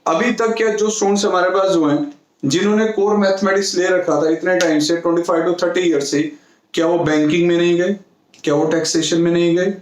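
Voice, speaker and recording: A man teaches a class with a fairly high voice, mixing terms into his explanation. He lays out each point patiently and repeats the important ones. The sound carries a clear room echo. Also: steady tone, fairly quick, slight background noise. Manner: explains step by step, repeats key points, calls students "beta". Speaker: maths teacher. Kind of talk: classroom lecture. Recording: echoey room.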